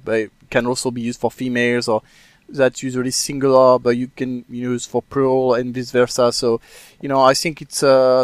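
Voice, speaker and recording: A man's voice: medium pitch, dry recording. Male podcast co-host, rambling, lots of fillers, dry close mic. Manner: rambling, hesitant, many fillers. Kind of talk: casual podcast chat.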